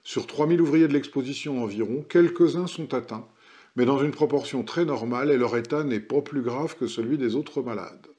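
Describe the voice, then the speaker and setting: A man's voice: medium pitch, warm tone. Man reading old newspaper news. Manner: measured reading with occasional slips. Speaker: news reader.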